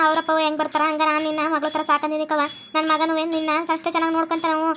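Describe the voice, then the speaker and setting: A woman with a North Karnataka Kannada accent voicing a cartoon family, talking fast like a scolding village woman. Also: very high-pitched, fairly bright tone, slight background noise. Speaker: narrator voicing all figures. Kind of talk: cartoon voice acting.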